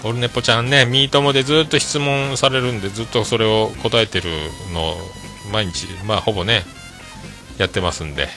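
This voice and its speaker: A man's voice: medium pitch, fairly quick, over music. A man hosting a casual podcast, chatting and reading out listener messages, with frequent filler tags and self-deprecating asides. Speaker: podcast host.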